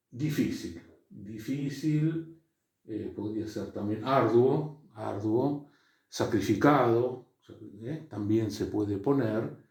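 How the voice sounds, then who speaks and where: A man teaching a Greek class, speaking slowly and haltingly with many fillers and checks for understanding. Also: on the low side, mellow. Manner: slow, halting, full of fillers and checks like "¿eh?" and "¿ven?". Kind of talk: classroom lecture. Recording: very echoey classroom.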